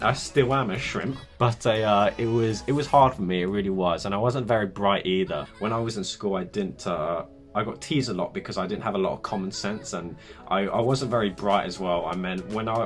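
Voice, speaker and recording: Chatty young man, low voice. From England. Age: young adult. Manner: chatty, rambling, self-deprecating. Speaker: YouTuber. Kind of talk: casual get-to-know-me vlog.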